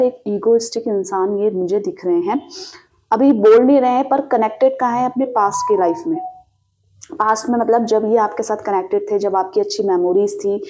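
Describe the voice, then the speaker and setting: A woman reads tarot cards and talks straight to the listener in a steady, mid-pitched voice. She explains in a reassuring way, poses questions and answers them herself, and adds many small fillers as she goes. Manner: addresses the listener directly with rhetorical questions and frequent fillers. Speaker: tarot reader. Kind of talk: direct-to-camera tarot reading.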